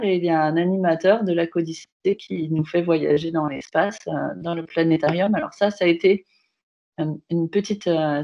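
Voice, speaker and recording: A woman's voice: lowish voice, a little mellow, highs cut off. A woman art teacher presenting a class project over a video call, speaking hesitantly with many filler sounds and restarts. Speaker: visual arts teacher.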